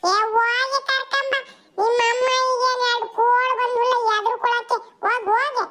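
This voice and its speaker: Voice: extremely high pitch, flat delivery, normal speed, pushed and bright. An actor voicing a cheeky, defiant village boy who taunts and boasts in rural slang. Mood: boastful.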